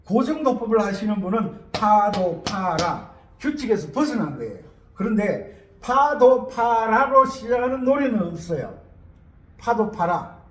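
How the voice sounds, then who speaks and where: A man's voice: sits high, darkish tone, reverberant. A man teaching a music theory lesson, repeating key words and asking rhetorical questions.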